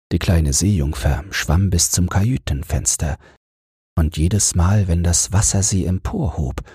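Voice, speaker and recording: This is a bedtime fairy-tale audiobook narrated by a man whose voice is very deep, heavily husky and a little mellow. He reads slowly and calmly, and the recording has no room echo at all.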